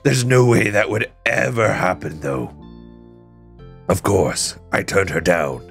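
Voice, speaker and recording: Man doing a creaky, gloomy demon girl. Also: deep voice, big pitch swings, slow pace, fairly bright tone, soft background music, voice pushed down, exaggerated voice. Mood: wistful, sulky. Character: gloomy, self-deprecating, lonely young demon woman. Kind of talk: improvised video game dub.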